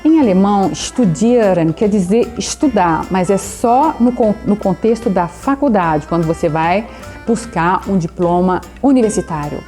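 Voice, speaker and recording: A woman teaching a German lesson. She slows down sharply to model German phrases, rolls her R, and keeps checking in with "né?" and "tá bom?". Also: medium pitch, lively intonation, dark tone, soft background music. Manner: fillers of "né?" and "tá bom?" to check in with the viewer. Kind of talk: language lesson.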